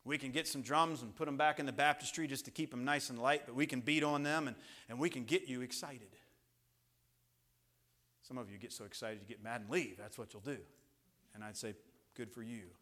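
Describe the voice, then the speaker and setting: A middle-aged man preaching a Baptist sermon in a church, swinging from loud passionate highs to low hushed lines and often repeating and restarting words. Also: steady tone, brisk. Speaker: pastor. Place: church sanctuary.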